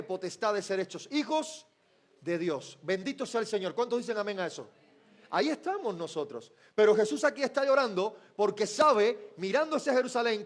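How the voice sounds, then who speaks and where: A man preaching a sermon who keeps asking the congregation questions and waits for them to answer, sometimes dropping to a soft, low voice for emphasis. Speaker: pastor.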